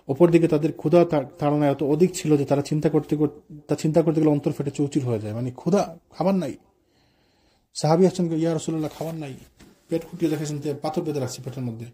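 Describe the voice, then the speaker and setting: A man delivers a sermon in a mosque, moving between quoted prayers and casual asides to his listeners. His voice sits a little high, yet it sounds very dark and husky. He talks at a fast clip. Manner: conversational, mixes quoted prayers with colloquial asides. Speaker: preacher. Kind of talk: sermon on the life of the Prophet.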